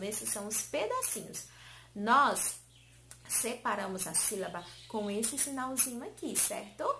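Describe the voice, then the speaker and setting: A woman teacher giving a lesson to small children, in a sing-song way, stretching key words slowly and coaxing answers with questions. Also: a little high, a bit bright, slight background noise. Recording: roomy echo.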